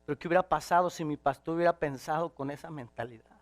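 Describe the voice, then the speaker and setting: A man preaching a sermon, swinging from shouted passages to quiet, intimate ones. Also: fairly high pitch, fast.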